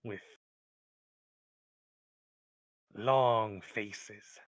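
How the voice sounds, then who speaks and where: Brief: man doing a paranoid kobold guard, low, slow, loud and accusing. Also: fairly even intonation, no echo. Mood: scornful. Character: suspicious, bitter male kobold guard.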